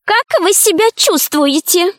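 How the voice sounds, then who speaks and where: A woman's voice: extremely high pitch, expressive, takes it slowly, no echo, clean studio sound, pitched above the performer's own voice, heavily acted. A woman voicing a stern, reproachful old grandmother in a storybook reading. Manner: scolding, prim.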